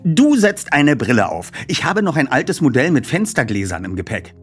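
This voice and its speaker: A know-it-all teenage boy detective who gives orders in a precise, lecturing manner, as a male storyteller puts him on. His voice sits well above a man's usual pitch and swings in lively leaps. Faint music plays behind. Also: normal speed.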